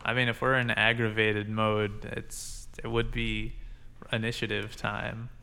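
A man's voice: fairly low pitch, flat delivery, a little slow, creaky, bright, forceful tone. A man playing a tabletop game, chatting casually and explaining rules to the group.

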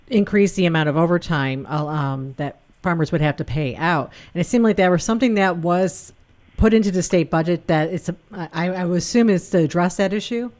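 A woman's voice: low-pitched, a little mellow. A woman hosting a radio interview, asking questions tentatively, searching for words. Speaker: radio host.

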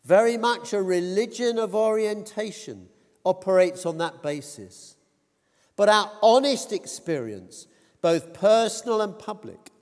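In a large church hall full of long reverb, a high, light-voiced man preaches a sermon slowly and deliberately. His voice rises whenever he quotes someone crying out.

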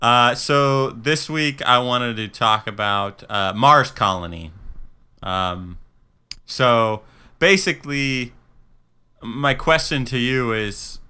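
A man's voice: mid-range voice, takes it slowly, bright, forceful tone, smooth. A man hosting a podcast, telling stories loosely and laughing often. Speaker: podcast host. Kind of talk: casual chat.

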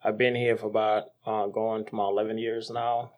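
A man in his twenties from Senegal, a police officer guest, introducing himself calmly on a podcast. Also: on the low side, moderate pace. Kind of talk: casual interview.

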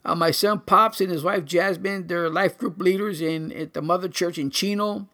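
An older man giving a personal church testimony, earnest and halting, with many pauses and fillers. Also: high voice, fairly even intonation, sharp tone.

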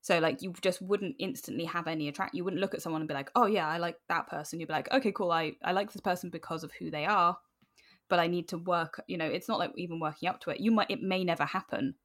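A British woman appears as a podcast guest, chatting casually in a lowish voice at a fast clip. She's animated and self-deprecating, often acting out snippets of imagined dialogue.

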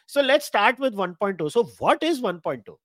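A man in his forties with an Indian English accent, hosting a podcast interview and talking quickly and animatedly, mixing in Hindi. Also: high-pitched, very animated, fairly bright tone, dry recording, clean studio sound. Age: 40s. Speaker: podcast host. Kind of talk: conversational interview.

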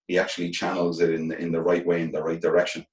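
A middle-aged man with a Galway accent from the west of Ireland, speaking earnestly and haltingly as an interview guest. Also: deep voice, monotone, far from the mic. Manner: earnest, halting, repeats phrases as they think aloud. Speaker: interview guest, former professional footballer turned coach. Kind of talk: reflective interview talk. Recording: echoey room, off from the mic.

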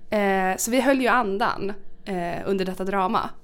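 A woman co-hosting a podcast in casual chat, chiming in quickly and retelling events dramatically. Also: medium pitch. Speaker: podcast co-host.

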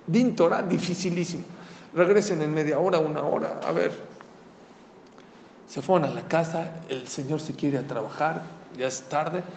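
A man's voice: on the high side, normal speed, vocal fry. A man preaching a sermon, telling a story and asking the audience questions. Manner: animated, conversational, asks the audience. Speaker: rabbi preacher. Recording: echoey hall, faint noise.

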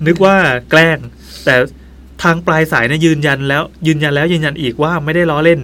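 A man's voice: fairly high pitch, steady tone, quick pace, fairly bright tone, slight background noise. A man hosting a podcast, reading a listener's ghost story aloud in a playful way and adding his own joking asides. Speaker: podcast host.

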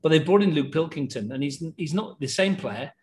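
Aussie guy breaking down the footy season on a podcast, measured and thoughtful. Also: a little high, lively intonation, darkish tone. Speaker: football pundit. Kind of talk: casual podcast chat.

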